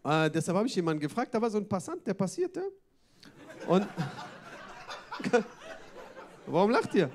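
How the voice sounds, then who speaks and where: A man's voice: high voice, sing-song, normal speed, long pauses, a little hiss or hum. A man doing a stand-up comedy set on a club stage, chatty and full of wordplay and tag questions.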